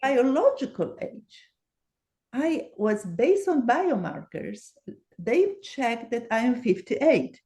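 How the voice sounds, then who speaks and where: A woman's voice: on the high side, sing-song, slow pace, dark tone. Earnest older woman with phrasing. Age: 70s. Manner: earnest, repeats words for emphasis, non-native phrasing. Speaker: guest researcher. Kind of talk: casual interview talk.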